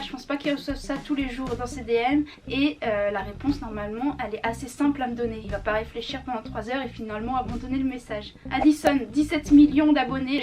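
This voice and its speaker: A woman's voice: high voice, a little mellow, distant mic. A young woman chatting casually in an upbeat vlog, explaining what she does as she goes. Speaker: YouTuber.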